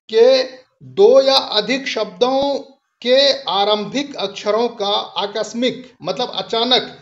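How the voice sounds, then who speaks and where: A man's voice: sits high, lo-fi sound. A man teaching a lecture-style lesson, explaining step by step and mixing English terms into his speech.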